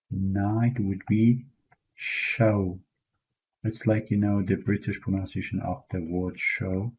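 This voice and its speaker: Slow, husky-voiced male language teacher. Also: fairly low pitch, warm tone, low-quality recording. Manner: patient, repeats words slowly and praises the learner. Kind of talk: slow spoken language lesson.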